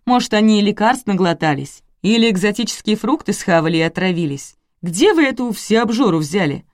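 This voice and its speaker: A woman's voice: medium pitch, lively intonation, fairly quick, no room sound, clean studio sound, voice pushed up, lightly acted. A woman reading the part of a blunt, ironic male investigator in an audiobook.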